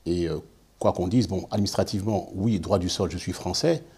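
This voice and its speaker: Husky low-voiced man, hesitant. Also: brisk, darkish tone. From France. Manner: hesitant, many fillers and repeated words. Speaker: guest. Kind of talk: measured discussion.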